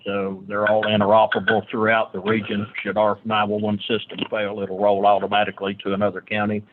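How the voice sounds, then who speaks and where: A man's voice: on the low side, monotone, a little fast, a little hiss or hum. A man calling into a county board meeting by phone, giving a plain, matter-of-fact report while his line breaks up and stutters. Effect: phone line breaking up, choppy and stuttering. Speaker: county official on a phone call. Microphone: phone call.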